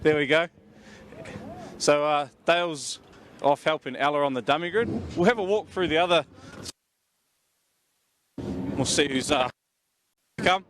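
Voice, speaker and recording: A man's voice: on the high side, normal speed, pauses often. A man with a broad New Zealand accent doing casual, slangy interviews as a trackside reporter outdoors. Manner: broad, matey Kiwi way of talking with slang. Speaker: pit-lane interviewer. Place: outdoors in speedway pits. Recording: outdoor recording with faint vehicle noise.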